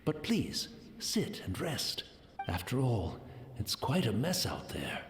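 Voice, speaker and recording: An actor playing a serene, humble old blind tea master in a video game, courteous and formal. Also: male voice, mid-range voice, wildly swooping pitch, takes it slowly, music in the background. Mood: serene, resigned. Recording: roomy echo, faint background ambience noise.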